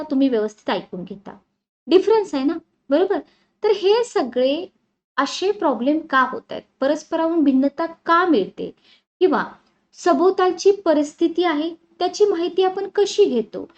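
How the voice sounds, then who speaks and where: A woman's voice: sits high, a little mellow, muffled recording. A woman teacher giving an exam-prep lecture. She talks in a conversational way and keeps asking the class questions.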